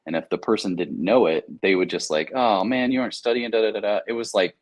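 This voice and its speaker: In a fairly low voice and at a fast clip, an American air traffic controller talks casually as an interview guest. He explains things informally, leaning on anecdotes and slang.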